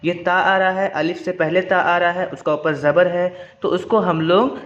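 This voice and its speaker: A man with a slightly high voice gives a patient, step-by-step reading lesson. He drags syllables out slowly to demonstrate, then speeds up as he explains. The recording sounds dull and lo-fi. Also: fairly even intonation, a bit bright. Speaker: Quran reading teacher.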